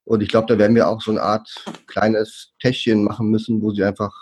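A man's voice: lowish voice, flat delivery, a little fast, a little mellow, a little hiss or hum. A man hosting a casual family podcast, talking in a joking, easygoing way. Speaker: podcast host, father. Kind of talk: casual chat.

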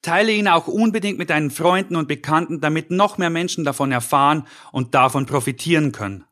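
Male podcast coach, fairly high voice, calm and encouraging, scripted address to the listener. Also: a little fast. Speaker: podcast host and personality coach. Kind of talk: scripted self-help podcast monologue.

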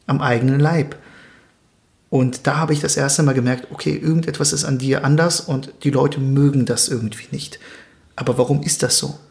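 Thoughtful young man, measured speech. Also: mid-range voice, fairly even intonation, gravelly, darkish tone. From Germany. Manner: thoughtful, measured, occasional hesitations. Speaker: guest. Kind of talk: earnest interview conversation.

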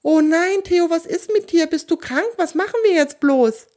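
A timid little creature boy who gets easily worried, played by a woman. His squeaky voice sits very high and swings widely, as in a children's storybook. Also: expressive, moderate pace. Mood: worried, eager. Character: timid, curious little male creature friend.

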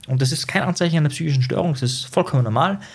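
A man's voice: a little high, rapid-fire, husky. A man speaking as a psychologist and coach, giving a motivational self-help lesson that he addresses straight to the listener with frequent tag questions.

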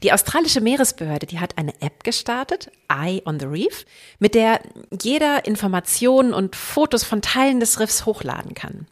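A woman's voice: on the high side, lively intonation, normal speed. A woman co-host presenting a travel podcast in a chatty, explanatory, conversational way. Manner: chatty, explanatory, with tag questions.

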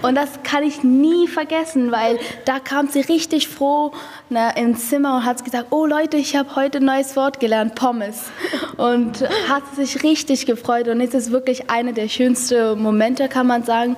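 A young woman telling memories in a lively, emphatic way during an interview. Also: sits high, measured pace, big-room sound, a little hiss or hum. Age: young adult. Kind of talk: casual interview answers.

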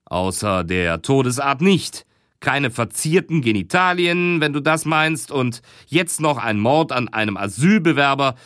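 A man's voice: medium pitch, animated, measured pace, fairly bright tone, no echo, clean studio sound. A man reading an audiobook, voicing a tired, cynical male detective. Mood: weary.

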